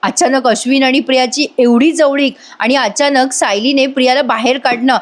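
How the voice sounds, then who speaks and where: A woman recaps a TV serial episode in a chatty voice-over, talking straight to her viewers. Her voice is high. She retells the scenes while voicing every character herself. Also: steady tone, moderate pace. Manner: chatty, addresses viewers directly. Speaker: TV serial reviewer.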